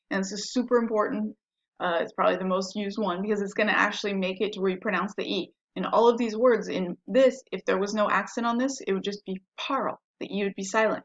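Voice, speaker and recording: A woman's voice: mid-range voice, highs cut off. A woman teacher giving a patient, step-by-step lesson, spelling words out letter by letter. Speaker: French teacher. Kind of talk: classroom-style lesson.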